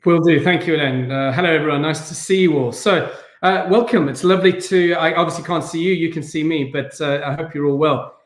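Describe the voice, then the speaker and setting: A man's voice: a little high, fairly quick, few pauses. South African man on an echoey video call. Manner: friendly, informal, with fillers and restarts. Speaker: school head. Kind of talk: virtual event talk.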